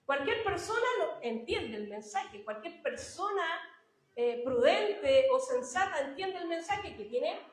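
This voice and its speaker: A woman's voice: high-pitched, sing-song, measured pace, echoey room, poor audio. A woman preaching a sermon in a church, talking to her listeners in a conversational way and stressing points by repeating them. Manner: warm conversational preaching, addressing listeners as brothers, emphatic repetitions.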